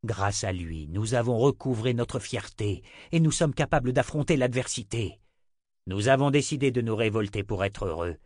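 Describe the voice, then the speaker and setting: A man voicing an angry burly blacksmith, forceful and scolding. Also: medium pitch, lively intonation, moderate pace, no echo, studio quality, close to an everyday voice. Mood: stern.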